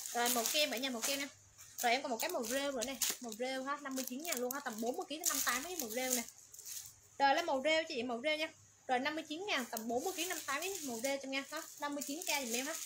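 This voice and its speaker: A woman running a livestream clothing sale, rattling off colors, sizes and prices in quick, repetitive patter. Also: sits high. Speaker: online clothing seller. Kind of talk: livestream sales pitch. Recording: noisy background.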